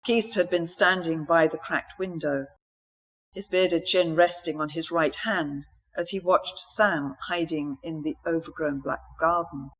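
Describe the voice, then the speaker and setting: A woman author reading a mystery novel aloud in a steady, even storytelling manner. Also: low-pitched, unhurried.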